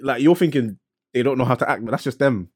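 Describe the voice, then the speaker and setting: A man's voice: medium pitch, quick pace, breathy edge. A young man with a London roadman accent, chatting casually with friends in urban slang. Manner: slangy urban street talk. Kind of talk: casual banter among friends.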